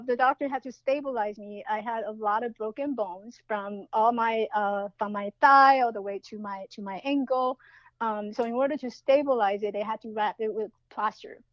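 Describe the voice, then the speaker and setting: This woman from Taiwan speaks in a fairly high voice, earnestly telling a personal story as a podcast guest. She restarts her phrases often and uses fillers, and the sound is lo-fi with no echo.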